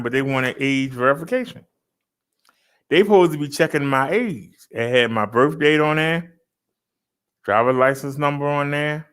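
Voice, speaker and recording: In a casual vlog, a man in his fifties rants in an argumentative monologue, repeating his points. His voice is medium-pitched and a bit bright.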